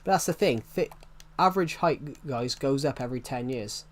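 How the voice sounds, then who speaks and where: Chatting loosely on his livestream, a man in his 20s doubles up every phrase before going on to the next. He speaks at normal speed in an expressive, medium-pitched voice.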